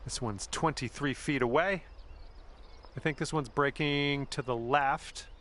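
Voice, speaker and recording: A man's voice: medium pitch, measured pace, fairly bright tone, natural voice. A man playing an encouraging TV golf commentator, giving casual play-by-play as in a golf video game. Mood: calm, informative.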